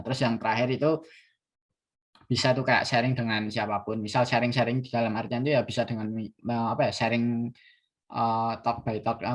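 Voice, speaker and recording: A young man giving a casual online design class, talking hesitantly with many fillers and restarts. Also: mid-range voice. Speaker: workshop speaker.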